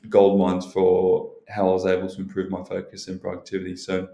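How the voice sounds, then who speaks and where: A man's voice: sits low, completely flat delivery, brisk, dark tone. A man giving casual, unscripted advice as a video host, rambling and hedging with frequent filler phrases. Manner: rambling, hedging, leans on "you know" and "look". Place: indoors, in a library. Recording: roomy, echoing indoor sound.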